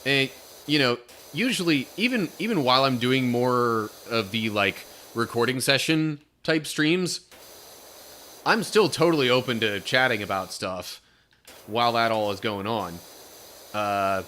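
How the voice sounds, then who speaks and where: Young guy streamer, bright and tense tone, loose rambling storyteller who reads chat aloud. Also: mid-range voice, animated, a little slow, a little hiss or hum. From Pennsylvania. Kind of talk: casual live-stream chat.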